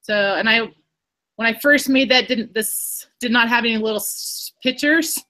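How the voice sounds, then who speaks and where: A woman teacher talks through how she built a lesson. Her voice is bright and forward. She rambles in a chatty way and restarts her sentences often. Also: fairly high pitch, moderate pace. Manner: rambling, self-correcting, chatty. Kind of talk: casual explanation in an online workshop.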